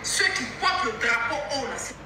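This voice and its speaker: A fairly high-voiced woman spits contemptuous insults. The played clip sounds echoey, with clear noise behind her. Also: animated, fairly quick. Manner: scornful, contemptuous.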